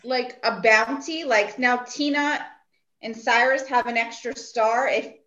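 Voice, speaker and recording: A woman's voice: a little high, measured pace, a crowd in the background. A woman co-hosting a podcast, chatting casually and speculating aloud. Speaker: podcast co-host. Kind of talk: casual chat. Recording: echoey, dull lo-fi remote mic.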